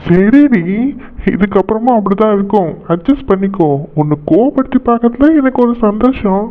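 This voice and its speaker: A man's voice: high-pitched, animated, moderate pace. Man voicing a teasing, doting young fiancé. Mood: coaxing. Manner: coaxing, playful pleading. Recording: thin phone-like band.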